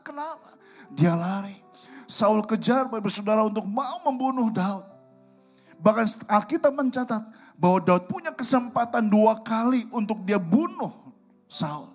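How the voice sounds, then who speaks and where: Male pastor in a church service, high-pitched; dramatic storytelling sermon that quizzes the congregation. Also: moderate pace, soft background music. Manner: storytelling, asks the congregation questions.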